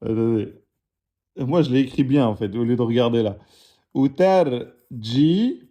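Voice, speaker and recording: A man's voice: mid-range voice, steady tone, fairly quick, highs cut off. A man teaching the Arabic alphabet, patiently correcting written exercises and spelling out each letter and vowel aloud. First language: French-speaking audience.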